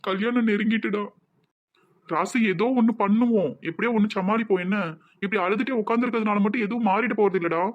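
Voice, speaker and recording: A man's voice: sits high, quick pace, dry recording, phone-quality sound, lightly acted. A man voicing a distraught young village man with a Tirunelveli accent, talking in an anxious, pleading, tearful way in a cartoon. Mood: despairing. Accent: Tirunelveli Tamil.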